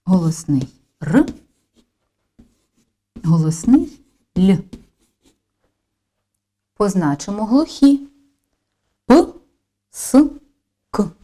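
Slow, mellow woman teacher. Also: medium pitch, big pitch swings. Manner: slow, careful, deliberate dictation. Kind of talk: slow instructional narration.

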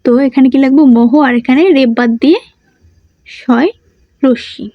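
A woman's voice: sits high, steady tone, moderate pace, no room sound. A woman teaching a grammar lesson. She asks questions and answers them herself, and she repeats the key words. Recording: dull muffled sound, dry.

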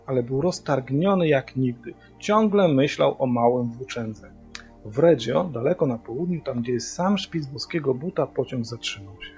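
A man reading a children's book aloud as a father, with steady, even storytelling. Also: medium pitch, normal speed. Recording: dull lo-fi audio via hearing aid, faint music.

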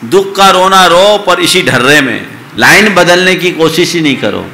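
A man, a monk, preaching slowly and emphatically, rising to loud exhortation. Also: high voice, expressive, gravelly, a little hiss or hum. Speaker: monk giving a sermon. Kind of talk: sermon.

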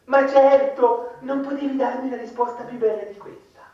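An actress playing a flirtatious caller in a live stage comedy, with a cooing, flirty manner. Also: female voice, high voice, steady tone, moderate pace, mellow, lightly acted. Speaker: stage actor. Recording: dull, echoey hall from far off.

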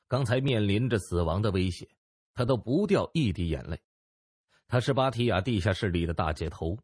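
A man narrates a novel in an expressive storytelling style. His voice is lowish and husky, and his pitch moves a lot. The sound is dry and close. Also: dry recording. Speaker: audiobook narrator. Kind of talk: scripted narration.

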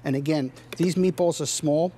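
A man's voice: a little high, normal speed, dark tone, a little hiss or hum. A middle-aged man, a chef giving an enthusiastic, emphatic home shopping demonstration. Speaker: chef, culinary consultant demonstrating a product. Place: kitchen set in a TV studio.

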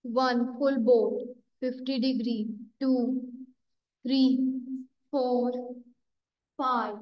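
A woman's voice: high-pitched, steady tone, extremely slow, roomy sound, lo-fi sound. A woman leading a live workout class, counting reps aloud, calling out exercises and correcting participants by name. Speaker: fitness instructor.

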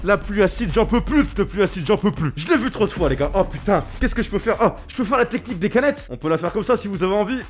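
Brief: young male gamer at home in his chair, high-voiced and all over the place, cracking crude jokes. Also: lively intonation, quick pace, few pauses, music in the background. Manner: hyped, crude joking, bursts of shouting. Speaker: gaming YouTuber. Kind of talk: excited gaming commentary.

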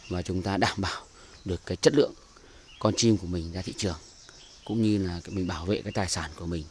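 Low-pitched and steady, the man moves at a quick pace while chatting his way through his bird aviary outside. He speaks with a Northern Vietnamese accent, repeats words and uses many fillers, and his handheld camera mic picks up slight background noise.

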